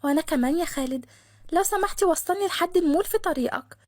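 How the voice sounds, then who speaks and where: A woman's voice: very high voice, fast, dry recording, clean studio sound, pitched above the performer's own voice. A woman voicing a scheming, chatty twenty-eight-year-old woman in an Egyptian Arabic accent. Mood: sweet chatty. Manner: chatty, sweet-talking.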